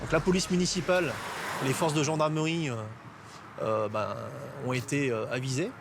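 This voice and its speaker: A man's voice: on the high side, moderate pace, over a noisy crowd. A man with a French accent from France, speaking as a firm, insistent police officer who repeats himself, outdoors. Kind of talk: firm street exchanges and explanations. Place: outdoors on a street. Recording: noisy outdoor traffic sound.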